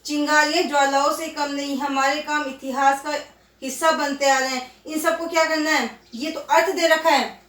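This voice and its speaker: A woman schoolteacher walks young pupils through a lesson, patiently drilling words and answering her own questions. Her voice sits high. She sounds set back from the mic in a roomy, echoing space. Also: little pitch movement, normal speed, fairly bright tone, far from the mic. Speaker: primary school Hindi teacher. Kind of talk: recorded online class lesson.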